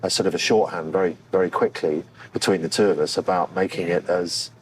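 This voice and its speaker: He's an actor answering interview questions with candor, his low voice holding a fairly even intonation. Halting and thoughtful, he feels his way toward the right words, and the poor audio picks up distinct background noise.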